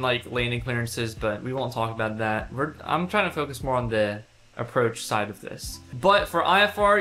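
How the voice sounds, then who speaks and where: A young man with a medium-pitched, pushed and bright voice hosts an instructional video, talking casually and conversationally. He's an instructor and pilot, and he stresses his key points informally.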